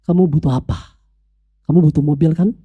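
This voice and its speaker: A preacher voicing the Holy Spirit as a stern, slow rebuke with repeated words, a bit lower than his own voice. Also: fairly even intonation, breathy edge, phone-quality sound. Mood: questioning.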